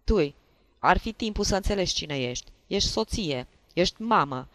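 Brief: man playing a blustering, tipsy jealous husband, raised and loud, dry close sound. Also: sits high, animated, no room sound, voice pushed up. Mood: furious. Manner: shouting, scolding. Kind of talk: audiobook character voice.

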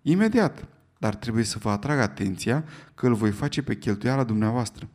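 A man voicing a calm, precise English gentleman who speaks in a cool, clipped, unflappable way in an audiobook reading. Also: medium pitch, lightly acted.

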